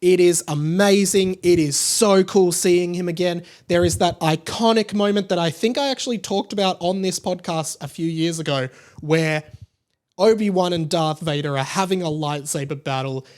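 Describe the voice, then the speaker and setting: With a high, darkish voice at a moderate pace, a male podcast host delivers a casual, opinionated monologue on pop culture, speaking emphatically and gushing like an informal fan.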